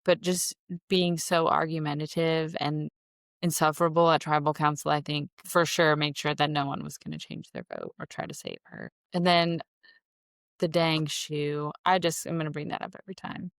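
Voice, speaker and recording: A woman's voice: low-pitched, moderate pace, dry recording, clean studio sound. A woman in her thirties co-hosting a podcast, chatting casually and giving blunt opinions. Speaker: podcast co-host. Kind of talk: casual chat.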